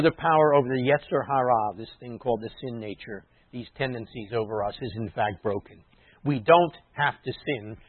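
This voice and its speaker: A man preaching a sermon in a teacherly way, explaining words and dropping into quiet asides. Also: mid-range voice, dry recording. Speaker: messianic rabbi preaching. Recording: dry tinny phone-like sound.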